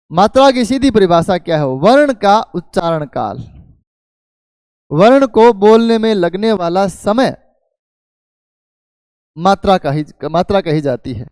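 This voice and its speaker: A middle-aged male teacher gives a patient lecture, posing questions and then answering them himself. His voice sits high, and the recording is dry and close with no room sound. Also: darkish tone, no room sound. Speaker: Hindi teacher. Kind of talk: explanatory lecture.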